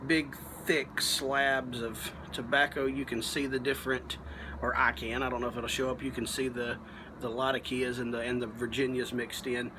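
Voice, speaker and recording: Behind clear background noise, a man talks through a casual review in a folksy, unhurried manner. His voice sits at an ordinary male pitch, and he pauses often as he explains things like a hobby reviewer on video. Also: little pitch movement. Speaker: pipe tobacco reviewer.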